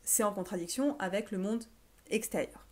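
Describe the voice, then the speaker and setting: A woman life coach talking straight to her viewer in an informal self-help video, pausing often on fillers as she explains. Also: medium pitch, darkish tone. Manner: informal, addresses the listener as tu, many filler pauses.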